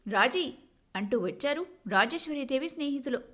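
A woman narrates a family tale in an expressive storybook manner, her voice pitched a little high. The telling is scripted and steady. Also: normal speed.

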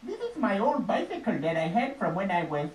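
Childish cartoon man, swooping pitch. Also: huge pitch swings, a little fast, darkish tone, echoey room. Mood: childlike glee. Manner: childish, blustering. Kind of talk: animated sitcom acting.

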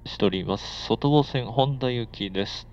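Heard over a muffled, noisy onboard speaker, this conductor has a medium-pitched, slightly mellow voice and a moderate pace. He gives formal, polite announcements inside a moving commuter train, with faint train and air-conditioning noise behind him.

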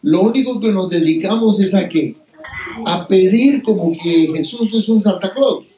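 Preacher, male, high-pitched, animated storyteller. Recorded from a distance. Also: a little slow, a crowd in the background. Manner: animated storytelling, acts out quoted voices. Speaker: lay preacher. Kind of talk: sermon-style Bible reflection. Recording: roomy hall, distant mic.

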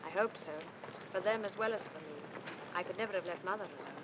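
A woman's voice: medium pitch, fast, close to an everyday voice. A woman playing a soothing young daughter. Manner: soothing, calm. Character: gentle, sensible young English daughter. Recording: dull, hissy 1950s film soundtrack.

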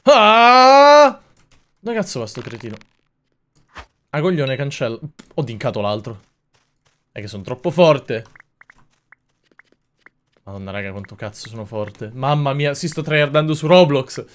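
A young man commenting on a video game as a streamer, swearing a lot, mocking himself and bursting into loud yells. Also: mid-range voice, animated, moderate pace, pauses often. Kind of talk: gaming commentary.

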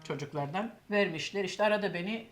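Lively older woman telling a story. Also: medium pitch, brisk, faint music behind. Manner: lively storyteller, acts out quoted voices. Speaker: cooking show host telling a story. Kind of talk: casual anecdote.

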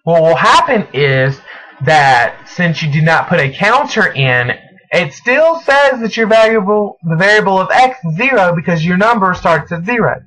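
A man narrating a step-by-step programming screencast, speaking in halting, deliberate phrases as if dictating while he types. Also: high voice, expressive, fairly bright tone. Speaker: programming tutorial presenter. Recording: noisy home recording with mouse and key clicks. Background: clear background noise, clicking.

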